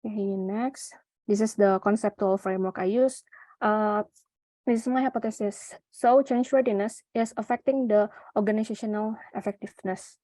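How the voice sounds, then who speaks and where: A young Indonesian woman walks through her research slides with an Indonesian accent, halting often and restarting her sentences. Her voice is mellow and soft-edged, recorded dry and close with no room sound. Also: mid-range voice, steady tone, no room sound. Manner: halting, with frequent fillers and restarts. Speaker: conference presenter. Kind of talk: reading a research presentation.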